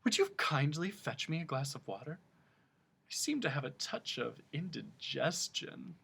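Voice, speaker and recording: A man's voice: on the high side, sing-song, a little slow, gravelly, bright, forceful tone, slightly rough, heavily acted. A man voicing a pompous, wheezing male humbug, a bug-like creature who talks in flowery, repetitive phrases. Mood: distressed.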